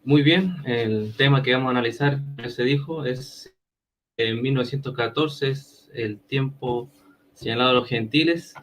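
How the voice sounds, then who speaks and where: A Chilean man presenting his side in an online debate, earnest and deliberate with some hesitations. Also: mid-range voice, a bit bright. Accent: Chilean Spanish.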